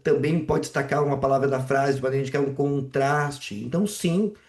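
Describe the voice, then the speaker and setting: A man's voice: mid-range voice, steady tone, moderate pace, a little mellow, roomy sound. A man teaching Portuguese on a live video call. He works through exam questions casually and keeps checking in with his students. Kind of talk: live online exam walkthrough.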